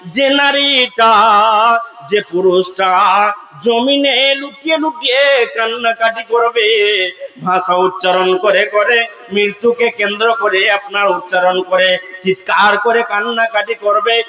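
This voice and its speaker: Chanting preacher man, high bright voice. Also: muffled recording, soft background music. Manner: chanting, drawn-out melodic delivery that swells into shouted peaks. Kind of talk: sung Bengali sermon (waz).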